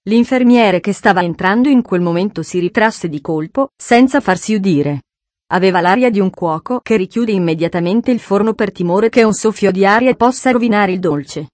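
A woman narrating an audiobook in a steady storytelling manner. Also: medium pitch, normal speed, no echo. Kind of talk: scripted narration.

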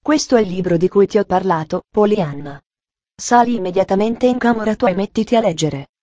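A woman's voice: medium pitch, lively intonation, a little fast, mellow, no room sound, lo-fi sound, lightly acted. A woman reading aloud and voicing a stern, strict middle-aged aunt with a stiff, reproachful manner.

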